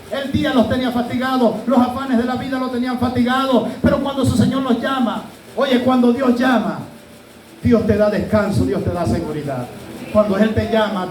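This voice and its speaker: High-voiced preacher in an echoey room. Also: male voice. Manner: preaching, addresses listeners as brother. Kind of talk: sermon. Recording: echoey room with loud background noise.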